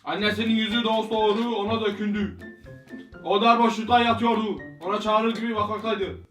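A man's voice: high voice, fairly even intonation, fairly quick, a bit bright, roomy sound, far from the mic, soft background music. A young man playing a short-tempered male schoolteacher in a comedy sketch, scolding his student. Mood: reading aloud. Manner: scolding, barking orders.

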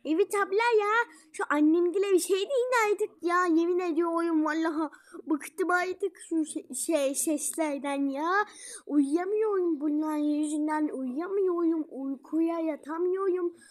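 A whiny, fed-up teenage girl, as a woman plays her in a toy-game role-play, her voice pitched very high. She complains in a slow, drawn-out way.

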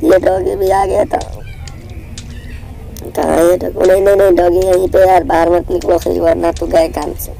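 A young man narrates a horror game as he plays it, hoarse from a cold and sounding gravelly. His voice is slightly higher than most men's but dark and mellow in tone. He rattles off short repeated phrases, and faint noise sits behind him. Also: flat delivery, normal speed, low-quality recording. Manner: jittery, repeats words in bursts, yelps when spotted. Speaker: gaming channel host. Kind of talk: live horror gameplay commentary.

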